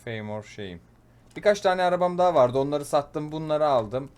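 A man giving chatty let's-play commentary, swearing jokingly and getting loud and panicky when things go wrong. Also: a little high, expressive, moderate pace, a little hiss or hum. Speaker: gaming YouTuber.

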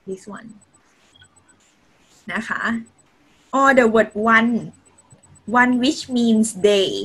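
A woman with a fairly bright, somewhat high voice gives a Thai lesson over a video call, and the audio is poor. She mixes basic English into her Thai and often uses polite particles.

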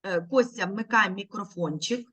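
A woman's voice: mid-range voice, moderate pace, a bit bright. A woman teaching young children in an online lesson over a video call, patient and coaxing.

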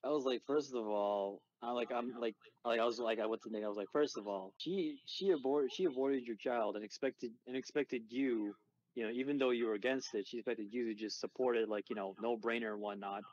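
A man chatting on a podcast, animated and swearing freely while reacting to a comic. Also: medium pitch, a little fast, muffled recording. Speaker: podcast co-host. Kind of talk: casual podcast reading and chat.

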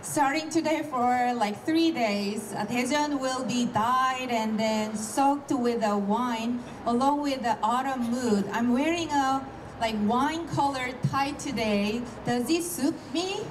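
Slow high-voiced woman interpreting. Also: background noise. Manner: slow, with fillers like "uh" and "like". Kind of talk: consecutive English interpreting. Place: outdoor opening ceremony. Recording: distant public address with music.

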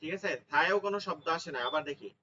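A man leads an online recitation class, sounding out each letter slowly and repeating it for his students. His voice is fairly high and bright, and he speaks at an unhurried pace. The audio is a little dull and lo-fi. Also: recorded from a distance. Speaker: Quran recitation teacher. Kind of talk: online tajweed lesson.

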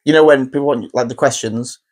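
A man co-hosting a podcast, reading out listener messages with animated, giggly chat. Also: medium pitch, brisk. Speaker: podcast co-host. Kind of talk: casual chat.

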